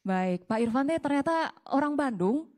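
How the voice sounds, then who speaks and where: Woman, young adult, high pitch, event host, chatty, teasing, stage banter. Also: animated, moderate pace, a little mellow. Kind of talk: lively stage hosting. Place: campus auditorium stage.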